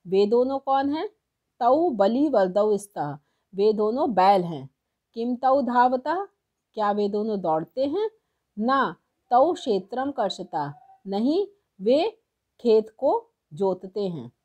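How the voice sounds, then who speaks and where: A woman's voice: on the high side, very animated, dark tone, lo-fi sound. A woman teaching a textbook lesson, reading lines aloud and translating them, spelling out words syllable by syllable. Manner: slow, spelling out syllables one by one. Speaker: Sanskrit teacher.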